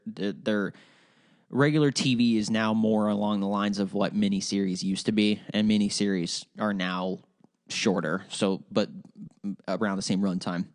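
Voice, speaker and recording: With a voice on the low side and clean studio sound free of room noise, this young Ohio native hosts a podcast by himself. His Midwestern-accented chatter is casual, crude, and rambling, full of fillers and restarts.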